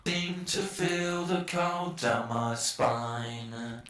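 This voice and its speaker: A singer's sung vocal line, formant-shifted in pitch-editing software so the voice sounds chipmunk-like or orc-like. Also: very slow. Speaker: singer in a sample vocal being edited.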